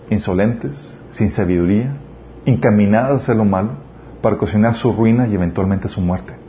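A man preaching a sermon, earnest and full of rhetorical questions. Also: mid-range voice. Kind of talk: sermon on parenting. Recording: slightly dull lo-fi recording with faint noise.

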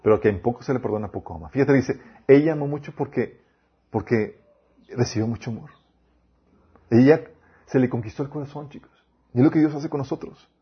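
A man's voice: medium pitch, brisk, pauses often, breathy edge, lo-fi sound. A man preaching a sermon, quoting scripture and asking his listeners rhetorical questions.

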